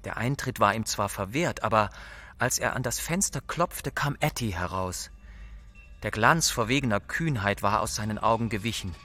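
Bright-voiced male audiobook narrator. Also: fairly low pitch, animated, moderate pace, faint music behind. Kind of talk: scripted narration.

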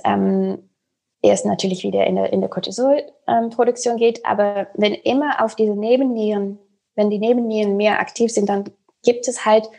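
Woman with German, gravelly and husky. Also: mid-range voice, warm tone. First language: not German; speaks German as a second language. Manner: halting, searching for words, with non-native grammar. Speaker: health coach as podcast guest. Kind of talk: conversational explaining on a podcast.

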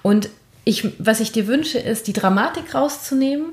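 A woman's voice: on the high side, lively intonation, moderate pace. German woman coaching in an echoey room. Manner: warm encouraging coaching, many "ja?" checks. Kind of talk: advice conversation.

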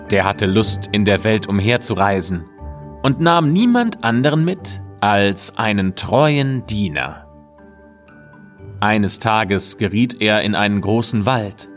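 A man reading an old fairy tale aloud as narrator in a slow, measured storytelling manner. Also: fairly low pitch.

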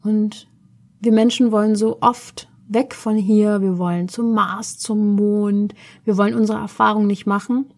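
A woman's voice: medium pitch, little pitch movement, a little slow, darkish tone. Woman from Berlin telling a story. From Berlin, Germany. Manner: reflective, searching for words. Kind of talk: casual personal storytelling.

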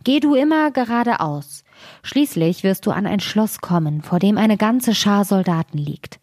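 A woman voicing a wise, helpful male fox in a fairy-tale reading, giving calm, patient advice. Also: medium pitch, a little slow, no room sound, clean studio sound. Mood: advising.

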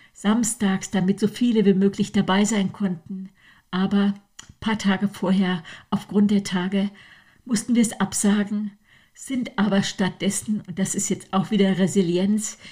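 An older woman giving a reflective faith talk, speaking softly and earnestly to the listener, often half-whispered. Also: medium pitch, slightly rough. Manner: earnest, addresses the listener directly. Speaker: devotional speaker.

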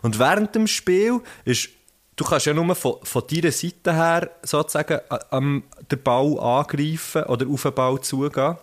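A man's voice: on the high side, moderate pace. A man with a Swiss German accent in casual chat, playful and fond of jokingly correcting his friend.

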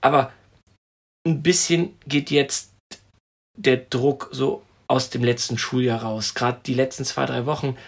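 A man around forty, co-hosting a podcast in a chatty, animated way. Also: medium pitch, unhurried, gravelly. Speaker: podcast co-host. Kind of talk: casual chat.

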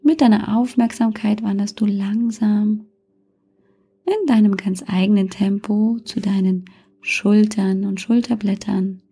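Very slow, breathy woman guiding relaxation. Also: medium pitch. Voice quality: soft, breathy, often near whisper. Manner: calm, soothing, gentle suggestions with long pauses. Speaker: guided relaxation instructor. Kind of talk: slow guided meditation narration, like a sleep story narrator.

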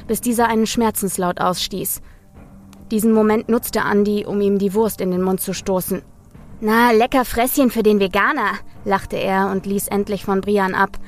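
A woman reading a story aloud in a measured, even manner. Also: mid-range voice. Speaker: narrator. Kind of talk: audiobook narration.

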